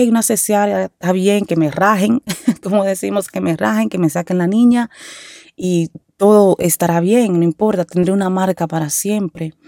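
A woman's voice: mid-range voice, mellow, no room sound, clean studio sound. Earnest young woman telling her story. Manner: earnest, repeats phrases for emphasis. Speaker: podcast host. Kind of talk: personal faith testimony.

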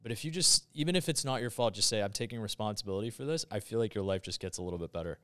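Smooth, low-voiced man hosting a casual podcast. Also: expressive, very fast, a bit bright, no echo, clean studio sound. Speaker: podcast host. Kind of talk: casual chat.

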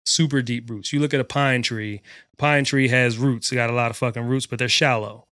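A man's voice: medium pitch, steady tone, fairly quick, bright, forceful tone, no echo. Blunt profane man, dry close mic. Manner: blunt, profane, rambling with many fillers. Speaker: podcast co-host. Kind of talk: casual podcast debate.

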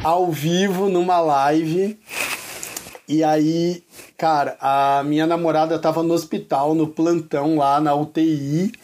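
A man's voice: on the high side, fairly even intonation, slow, darkish tone, a little hiss or hum. Earnest man telling a personal story. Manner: earnest, colloquial, frequent fillers like "cara". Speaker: guest.

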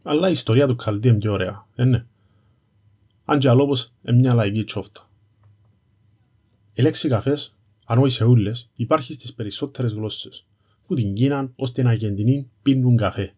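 A man with a Cypriot Greek accent presents an educational series on language history, telling it in a conversational, informal style aimed directly at the listener. His mid-range voice is dark and slightly rough, and he pauses often.

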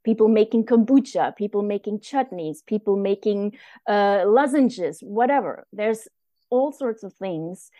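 Slow, mellow-voiced woman. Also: mid-range voice, expressive, no room sound. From Germany. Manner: halting, reflective, heartfelt. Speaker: guest. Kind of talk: casual conversation.

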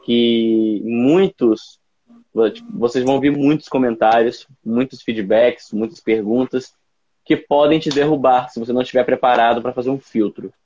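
A man's voice: medium pitch, fairly even intonation, normal speed, mellow, dull audio. A man, co-hosting as administrator of the channel, who speaks earnestly and steadily to the viewers. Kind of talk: live chat on a stream.

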